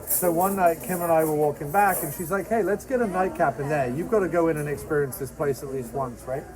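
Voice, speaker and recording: A man's voice: on the high side, brisk, over music, low-quality recording. A man in casual, chatty conversation at a diner, agreeable and given to telling anecdotes. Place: inside a busy diner. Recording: busy diner chatter behind the voice. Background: crowd chatter.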